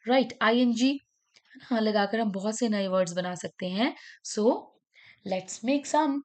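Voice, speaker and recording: Slow, patient woman tutor with Indian English. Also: on the high side. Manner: slow, patient explaining, spelling words out letter by letter. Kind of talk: classroom lesson for children.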